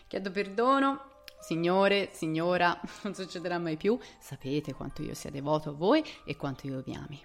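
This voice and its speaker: A woman voicing an irreverent adult brother who teases with a brash, mocking manner, raised a little above her usual low voice. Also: normal speed, gravelly, a bit bright, soft background music. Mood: mock-solemn. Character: teasing adult younger brother, joking and irreverent.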